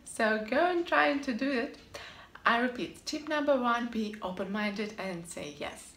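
In an echoey room with faint ambience, a woman vlogger offers scripted tips on living abroad. Her fairly high voice is expressive and a bit bright, paced in a measured way. She sounds upbeat and emphatic, repeating short, punchy answers.

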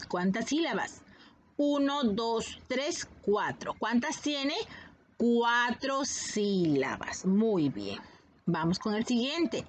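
Teacher, woman: slow, lively pitch, sounds out syllables for little kids, faint hiss behind. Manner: sounds out each syllable, warm and encouraging. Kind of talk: slow, exaggerated lesson for young children.

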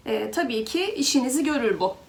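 Talking warmly to her viewers as if they were friends, a pet vlogger with a high voice walks through a product in a relaxed, chatty way, sometimes cooing at her cat. Her delivery is lively and brisk.

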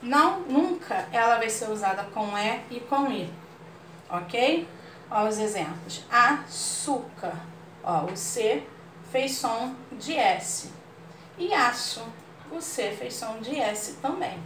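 Brazilian female teacher, slow deliberate delivery, slightly high voice, roomy distant mic, faint room hiss. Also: expressive. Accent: Brazilian Portuguese. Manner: patient, explains slowly and checks understanding with "ok?". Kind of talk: online class lesson.

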